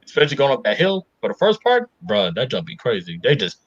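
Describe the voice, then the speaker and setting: A young man co-hosting a casual chat, slangy and hyped, quick to laugh and shout. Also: medium pitch, huge pitch swings, breathy edge, no echo, highs cut off. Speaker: co-host.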